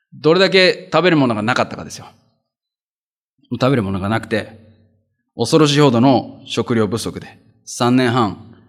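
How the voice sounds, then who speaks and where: A man delivering a sermon. He preaches in a conversational way, repeats phrases for emphasis and slows down when reading scripture. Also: medium pitch. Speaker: pastor.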